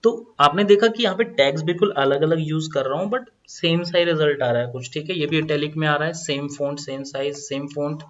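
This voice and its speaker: A man's voice: on the high side, brisk, few pauses, a bit bright, lo-fi sound. A man teaching a coding lesson as a screen-recorded voice-over, explaining each step and repeating key phrases.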